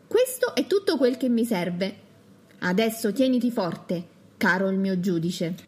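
A woman's voice: medium pitch, very animated. Woman voicing a clever playful young woman. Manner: playful, quick-witted. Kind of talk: audiobook character voice.

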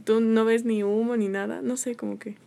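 A woman's voice: fairly high pitch, flat delivery, normal speed, vocal fry, warm tone. A woman co-hosting a casual podcast, talking hesitantly and unsure of herself. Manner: hesitant, unsure, many fillers. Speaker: podcast co-host. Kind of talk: casual chat.

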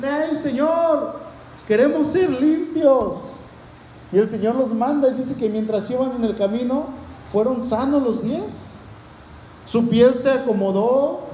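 A man's voice: high-pitched, warm tone, a little hiss or hum. A man preaching a sermon in earnest, often asking the congregation questions. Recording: echoey room.

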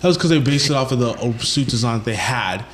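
A young man co-hosting a podcast, his voice at an ordinary middle pitch for a man. He talks bluntly, with slang and teasing jokes. A faint hiss sits under the recording. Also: animated, brisk. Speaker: podcast co-host. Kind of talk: casual chat.

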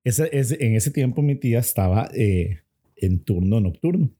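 A man's voice: lowish voice, lively intonation, normal speed, warm tone. A young Costa Rican man telling a spooky story in a casual, rambling chat full of slang and restarts.

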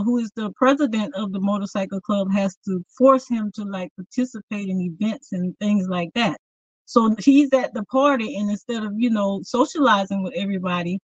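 A woman's voice: mid-range voice, dry recording. A woman with a thick Southern accent, an author talking casually in an interview, hesitant with many ums. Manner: halting, hesitant with frequent ums. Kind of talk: casual interview, reading an excerpt aloud. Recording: dry, dull lo-fi sound.

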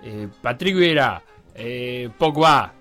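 A man co-hosting a radio sports show, talking in quick, teasing banter. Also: medium pitch, lively intonation, sharp tone, soft background music. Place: radio studio.

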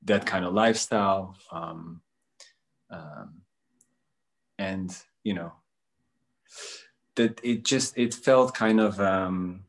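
This deep-voiced spiritual coach from Bosnia responds to interview questions in a halting, reflective manner, full of pauses.

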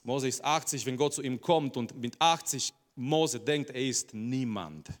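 A man's voice: mid-range voice, unhurried. A male preacher giving an emphatic sermon, repeating phrases and putting rhetorical questions to the audience. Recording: long reverb of a large hall.

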